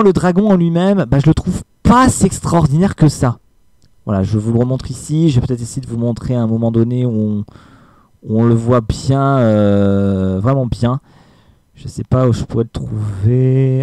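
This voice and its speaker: A man's voice: mid-range voice, moderate pace, warm tone, no room sound. A man giving a casual film review, hesitant with many fillers and emphatic asides.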